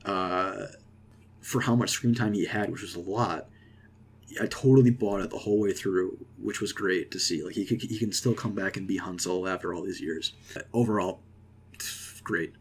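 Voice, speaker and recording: A young man casually rambling through an excited movie reaction, with lots of fillers and restarts. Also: low-pitched, moderate pace, slightly rough. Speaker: vlogger.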